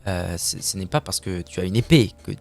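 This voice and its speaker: A young man streams a video game with casual live commentary, joking about himself and now and then slipping into silly voices. His voice sits low, with vocal fry, and he's animated and fairly quick. Faint music plays behind him.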